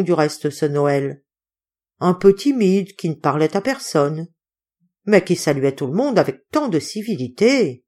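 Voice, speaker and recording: Lively woman reading an audiobook. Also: lowish voice. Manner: lively, voices the townsfolk's shouts. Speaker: audiobook reader. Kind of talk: expressive audiobook narration.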